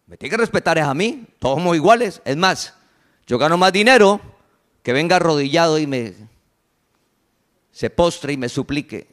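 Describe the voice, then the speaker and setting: An indignant, proud wife demands respect and says she is her husband's equal, as a woman preacher with a Santander accent puts her on. The voice drops lower and turns defiant. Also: animated, moderate pace, long pauses. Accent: Santander Colombian Spanish.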